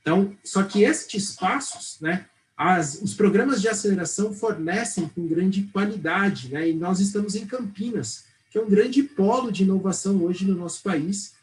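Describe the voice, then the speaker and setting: A man's voice: high voice, moderate pace, few pauses, poor audio. A middle-aged Brazilian man, a startup accelerator head, explaining fluently in a TV studio interview, tagging his sentences with "né" and "tá". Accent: Brazilian Portuguese. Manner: fluent, explanatory, frequent "né" and "tá" tags.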